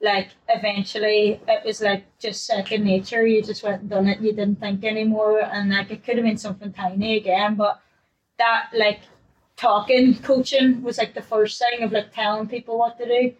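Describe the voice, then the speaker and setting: A woman's voice: mid-range voice, flat delivery, moderate pace, lo-fi sound. Young woman coach on a podcast, chatty, giggles a lot, plays out little scenes of herself. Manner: chatty, laughs often, acts out her past self. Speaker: newly qualified fitness coach, podcast guest. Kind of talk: casual podcast chat.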